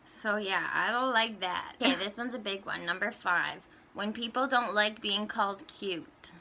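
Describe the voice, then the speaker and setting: A woman's voice: medium pitch, normal speed, creaky, pushed and bright, a little hiss or hum. A young woman vlogger ranting bluntly through a countdown list, swearing often and laughing between points.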